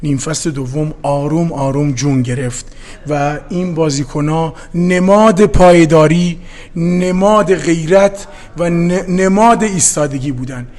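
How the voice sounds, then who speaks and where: A man's voice: a little high, a little mellow. A middle-aged man from Gilan, a football head coach, speaking with a Gilaki-tinged accent in an impassioned, defiant post-match interview. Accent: Gilaki-tinged Persian. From Gilan, Iran.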